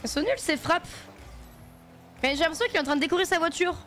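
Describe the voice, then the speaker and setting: Her pitch is extremely high and she talks fast, with a fairly bright tone and soft music in the background. She's streaming a game and chatting loosely with viewers in slang.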